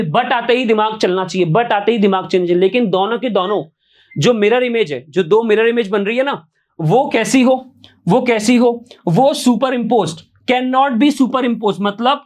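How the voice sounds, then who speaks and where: A man teaching chemistry online, repeating each question to his students and answering it himself, often asking yes or no. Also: high voice. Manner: coaxing, keeps asking yes or no. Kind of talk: online exam-prep lecture.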